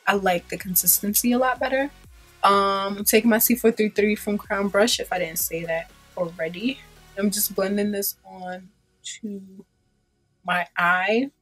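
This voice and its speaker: In a small room before a pink backdrop, a twenty-something woman with a stuffy cold gives a makeup tutorial, chatting loosely with lots of ums and likes. Her medium-pitched voice is a bit bright and slightly rough, and the recording quality is low.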